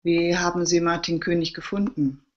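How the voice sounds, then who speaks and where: A woman's voice: on the low side, level tone, moderate pace, natural voice. A woman voicing an impatient male police detective who speaks curtly, in a dull lo-fi recording.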